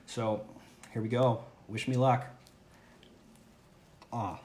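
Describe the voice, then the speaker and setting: A chatty man hosts a casual livestream from home, upbeat and thinking aloud as he goes. His voice sits at an ordinary middle pitch. The room is echoey, with faint ambience behind him. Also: fairly even intonation, takes it slowly, a little mellow, a little hiss or hum. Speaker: host of a home livestream food tasting. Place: at home, indoors. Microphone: camera or phone mic on a livestream.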